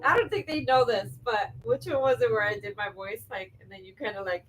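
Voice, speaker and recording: A woman co-hosting a casual chat, animated and teasing, who laughs often. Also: fairly high pitch, a little fast, slight background noise, rough recording. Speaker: co-host.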